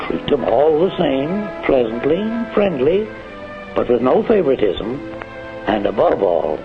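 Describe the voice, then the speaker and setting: Middle-aged American senior manager, 1940s training film, avuncular and measured, dull old soundtrack. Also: male voice, mid-range voice. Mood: advising. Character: genial, condescending senior plant manager advising a foreman. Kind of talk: 1940s instructional film acting.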